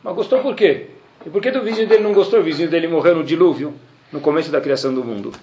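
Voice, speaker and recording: Man, torah teacher, high lively voice, acts out characters, faint background hiss. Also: racing, reverberant. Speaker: Torah teacher giving a class. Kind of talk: storytelling Talmud lesson.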